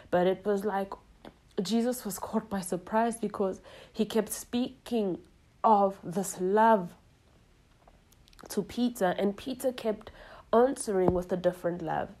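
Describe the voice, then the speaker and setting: A woman's voice: mid-range voice, mellow. A woman giving an earnest devotional teaching, repeating her phrases and checking in with her listeners. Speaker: online preacher.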